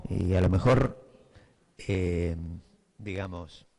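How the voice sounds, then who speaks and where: A middle-aged man from Buenos Aires, Argentina, lectures a room of teachers in Buenos Aires Spanish. His voice is low, slow and gravelly with a dark tone, and he thinks aloud with fillers while often checking that everyone is following.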